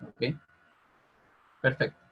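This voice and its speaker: A man teaching a physics class over a video call, constantly checking in with his students by asking if it's clear. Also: drawn-out words. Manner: checks in with "ok?" after nearly every phrase. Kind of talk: online class explanation. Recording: muffled lo-fi audio.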